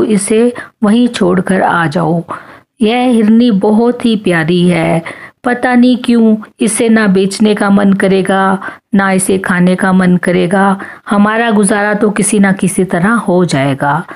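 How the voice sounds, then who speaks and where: A woman voicing a gentle, tender-hearted hunter's wife in a storybook tale, speaking in a soft, pleading tone. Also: mid-range voice, takes it slowly.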